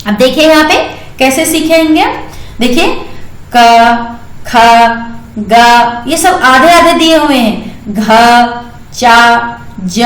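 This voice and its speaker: A high-voiced woman teaches young children at an unhurried pace, stretching out and repeating each syllable. Her patient lesson sounds echoey, as if recorded in a bare room. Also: a bit bright.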